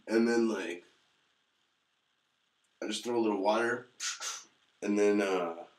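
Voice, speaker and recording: A man chatting casually to camera as a vlogger, in a halting, rambling, laid-back way, in a very echoey room. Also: on the low side, darkish tone. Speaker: vlogger reviewing hair pomade.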